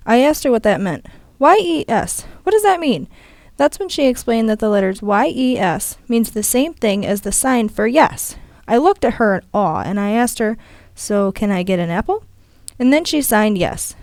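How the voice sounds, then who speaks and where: A young woman, a student interpreter, voicing a first-person story in a steady, measured way. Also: on the high side, no room sound, studio quality. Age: young adult.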